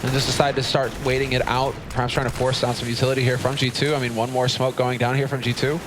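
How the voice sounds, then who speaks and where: A man working as an esports caster, calling the play in an excited, rapid-fire commentary. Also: medium pitch, background noise.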